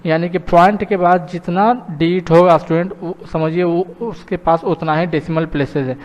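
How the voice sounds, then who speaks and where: A man's voice: fairly high pitch, fairly even intonation, moderate pace, a little mellow, in a large hall, lo-fi sound. A man teaching a math lesson patiently, often checking in with his students. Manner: patient, repeats "thik hai" and "students" often.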